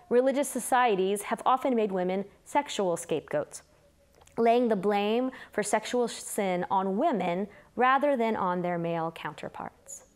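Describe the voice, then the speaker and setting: A middle-aged woman delivers a sermon from behind a table in a small, dark studio. Her delivery is measured and earnest, steady at an ordinary pitch for a woman. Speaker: preacher.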